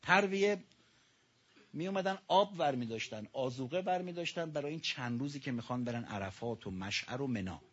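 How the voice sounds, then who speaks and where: A man preaching a sermon with a mourning elegy, swinging between loud outbursts and hushed passages and addressing his listeners directly. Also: medium pitch, husky. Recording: dull lo-fi recording.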